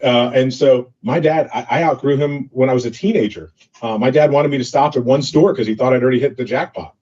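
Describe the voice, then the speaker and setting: Here an entrepreneur guest tells business stories in a relaxed interview, rambling with plenty of fillers. His mid-range voice runs fairly quick and leans darkish. The audio is dull and lo-fi.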